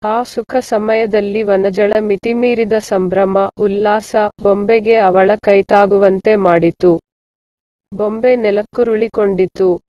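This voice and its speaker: A woman narrating a story for a lesson in a measured, careful reading voice. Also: medium pitch, dark tone, no room sound. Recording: dull, muffled dry recording.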